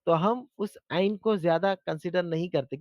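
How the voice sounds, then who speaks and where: A man teaching a beginner Arabic class over a video call, patiently repeating words slowly for his students. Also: high-pitched, a little mellow, dry recording. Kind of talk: online beginner language lesson.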